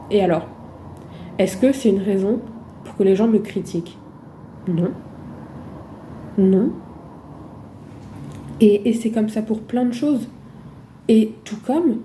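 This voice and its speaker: A loud-spoken woman talking casually to her phone camera in a vlog, with emphatic rhetorical questions and frequent hesitations. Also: mid-range voice, a little hiss or hum. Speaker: vlogger.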